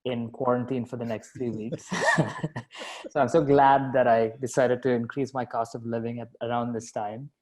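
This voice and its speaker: A man's voice: mid-range voice, fairly even intonation, normal speed, darkish tone. A man who grew up in Dubai, a company founder answering interview questions in a chatty, self-deprecating way with lots of fillers and restarts. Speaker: company founder and CEO, guest. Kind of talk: casual interview conversation.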